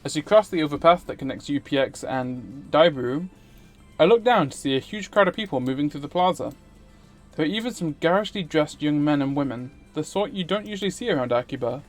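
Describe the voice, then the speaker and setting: With game music in the background, a man reads a visual novel aloud on stream in a dramatic style, adding casual remarks along the way. He has a fairly high, expressive voice and a brisk pace.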